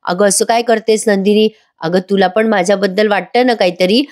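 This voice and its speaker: A woman's voice: medium pitch, steady tone, a little fast, a little mellow, lightly acted. A woman voicing a sly, two-faced young man in a serial recap, in a coaxing, wheedling tone.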